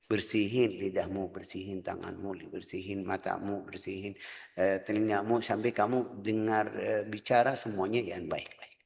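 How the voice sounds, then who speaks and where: Casting: male preacher, earnest and animated, long hall reverb. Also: on the low side, creaky. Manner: earnest, lively preaching with quoted voices. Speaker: religious teacher. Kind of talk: Quran study lecture.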